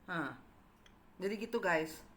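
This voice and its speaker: A woman telling a gossipy story to her viewers, animated and dramatic, acting out the quotes. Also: lowish voice, slow pace. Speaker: channel host telling a story.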